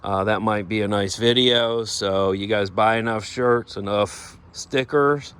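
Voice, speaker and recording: A man giving a casual walkaround of a vehicle he is giving away. He rambles, loses his train of thought and slips into a playful infomercial-style sales pitch. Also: steady tone, measured pace, a bit bright, clean tone. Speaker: vlogger showing a vehicle giveaway.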